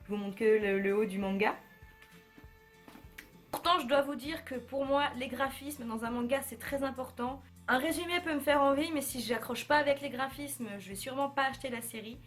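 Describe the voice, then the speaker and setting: A young woman with a fairly high voice talks through her bookshelf at home in a relaxed, chatty vlog. She hesitates often, backs up and corrects herself. Soft music plays faintly behind her. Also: moderate pace. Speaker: book vlogger. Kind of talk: casual bookshelf tour vlog.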